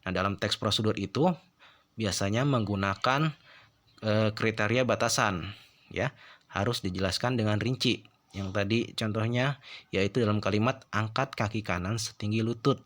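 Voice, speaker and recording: A man's voice: on the low side, moderate pace, a bit bright. A middle-aged male teacher giving a lesson, explaining step by step and often checking in with his listeners. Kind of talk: classroom lesson.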